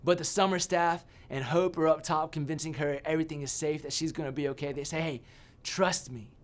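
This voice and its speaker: A man giving a sermon as a youth pastor, telling a personal story with animated, self-mocking humor. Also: fairly high pitch, fast talker.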